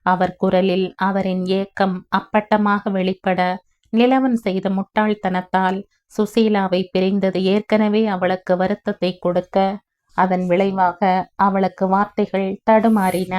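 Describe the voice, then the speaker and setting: A woman narrating a family novel in an even, measured reading. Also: mid-range voice. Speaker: audiobook narrator. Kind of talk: scripted story narration.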